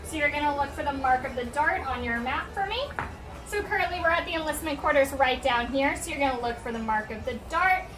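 Young female attendant, high voice, friendly instructions, echoey and off-mic, music behind. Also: fairly quick, recorded from a distance. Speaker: theme park attendant. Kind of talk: friendly customer briefing. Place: small themed booth. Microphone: handheld camera at some distance.

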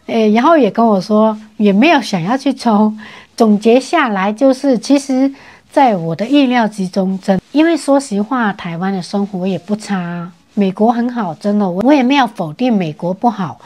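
A woman's voice: mid-range voice, moderate pace, darkish tone. A woman from China, chatting casually in a storytelling vlog and retelling conversations. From mainland China. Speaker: vlogger.

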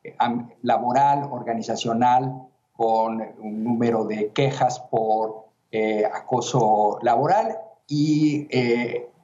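A man speaking in a measured, official tone, pausing and hesitating as he works through his answers. His voice is dark and mellow at a middle pitch. He is heard over a dull, muffled remote line that sounds roomy. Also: fairly even intonation. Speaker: interviewee, human rights commission president. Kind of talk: formal remote interview answers.

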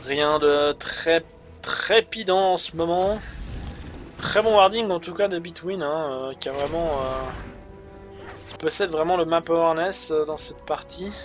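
A man's voice: fairly high pitch, unhurried. A man giving live play-by-play commentary on an esports match, hesitant with many fillers, speeding up during big plays. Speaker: esports caster. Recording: commentary over loud game music.

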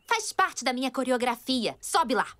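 A woman's voice: sits high, very animated, moderate pace, heavy background noise. A woman with a Brazilian accent voicing a vain, bossy young girl pop star in a cartoon, self-important and dramatic. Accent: Brazilian Portuguese. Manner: self-important, dramatic, whiny when crossed. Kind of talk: animated cartoon dubbing.

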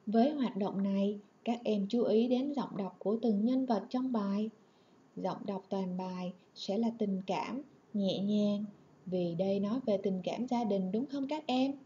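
Casting: clear, instructive female teacher talking to young pupils, lo-fi recording. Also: mid-range voice, a little slow. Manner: warm, clear and instructive, addressing children. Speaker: primary school teacher. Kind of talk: online lesson narration.

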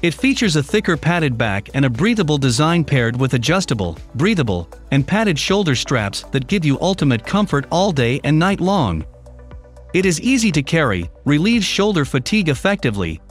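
A man reads a product buying guide as a scripted voice-over, with a fairly high, lively voice. He works through lists of features in a steady, advertising tone. Soft music plays under his voice. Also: moderate pace. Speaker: product review narrator. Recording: faint background music under the voice.

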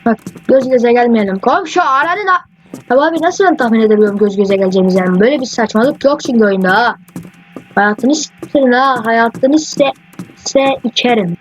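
A man doing casual let's-play commentary, rambling and excitable, often swearing at the game. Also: very high voice, fairly quick. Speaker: gaming YouTuber. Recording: dull lo-fi mic with faint hiss.

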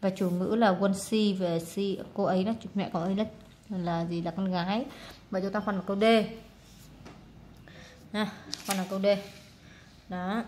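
A woman's voice: medium pitch, steady tone, moderate pace, pauses often, darkish tone, slight background noise. A woman teaching English to pupils, working through a test in a casual way with many fillers and translating each word. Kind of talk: exam walkthrough lesson.

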